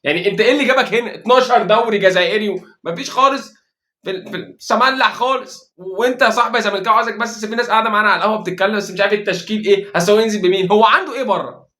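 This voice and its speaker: A man with an Egyptian accent giving a joking, sarcastic football match recap in fast, exasperated rants. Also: sits high, pushed and bright. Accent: Egyptian Arabic. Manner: joking, mocking, rapid rants with exasperated asides. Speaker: football fan commentator.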